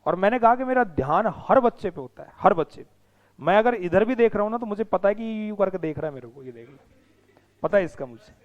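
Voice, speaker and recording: A man's voice: high voice, expressive, brisk, lo-fi sound. A man teaching a class, mixing the lesson with teasing and scolding of his students. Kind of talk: classroom lecture with banter.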